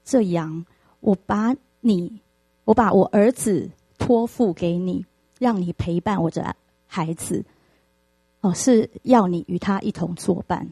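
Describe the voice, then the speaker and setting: A woman's voice: on the low side, a little slow, warm tone, husky, dry recording. Grief-stricken, bitter old father, voiced by a woman, dry close sound.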